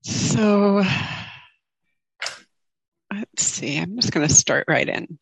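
A woman giving an informal dharma talk as a meditation teacher, speaking in a gentle, reflective and halting way. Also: fairly low pitch, expressive, creaky, breathy edge, no echo, low-quality recording. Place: online group video call.

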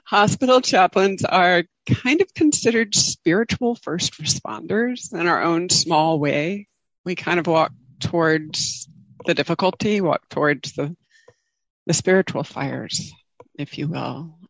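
A woman speaks slowly as a meditation teacher, in a close, dry recording. Her delivery is gentle and reflective, with a halting, informal flow as she addresses her group. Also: lowish voice, no echo, rough recording. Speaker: meditation teacher giving a talk. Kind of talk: informal dharma talk. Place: online group video call.

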